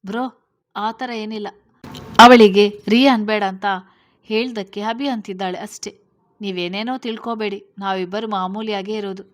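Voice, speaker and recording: A woman's voice: mid-range voice, steady tone, normal speed, natural voice. A woman voicing a defensive, flustered young man in a read-aloud story.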